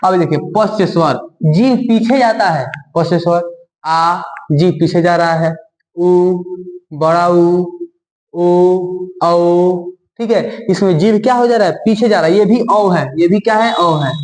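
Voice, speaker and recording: High-voiced male teacher in an echoey room. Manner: repeats key terms and quizzes the class with questions; drawn-out, deliberate delivery of vowel sounds. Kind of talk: Hindi grammar lesson at a board.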